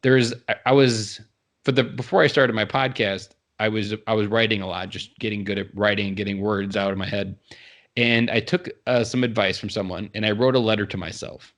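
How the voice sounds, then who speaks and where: A man's voice: on the low side, steady tone, fairly quick, fairly bright tone. A man in his thirties, a podcast guest, telling his story in an earnest, reflective way. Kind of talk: casual interview conversation.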